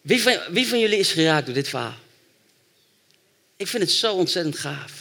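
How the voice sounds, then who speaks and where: A man's voice: sits high, very animated, moderate pace, creaky, pushed and bright. A man preaching a sermon, retelling a Bible story and building to fervent exhortation.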